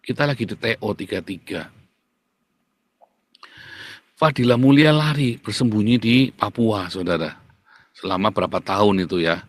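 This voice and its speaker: Guy preaching, brash and scolding, keeps jumping up loud then dropping low, dry mic. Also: moderate pace, pauses often, no echo. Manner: animated, boastful, scolding. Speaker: pastor. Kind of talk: sermon.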